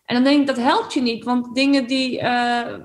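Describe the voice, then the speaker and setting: Chatty Dutch woman host, higher voice. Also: fairly even intonation, moderate pace. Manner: chatty, searching for words, laughs easily. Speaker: podcast host. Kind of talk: casual interview.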